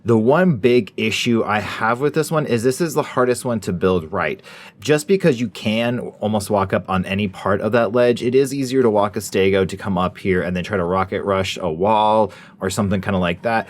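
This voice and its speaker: A man's voice: lowish voice, normal speed. A man hosting a gaming channel, giving a casual, informal top ten countdown style commentary on ranked entries. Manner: informal, folksy phrasing.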